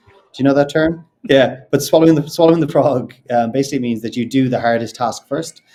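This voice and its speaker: Here the Irish director, whose accent is neutral, speaks in a mellow, steady, mid-range voice. He takes interview questions with measured thought, frequently looping back to put things another way.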